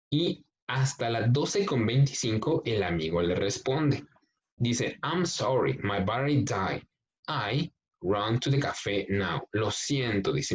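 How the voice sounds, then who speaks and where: A male English teacher, explaining a workbook lesson slowly, step by step, and reading the exercises aloud. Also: on the low side, a little hiss or hum. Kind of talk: recorded class explanation. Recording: dull lo-fi recording.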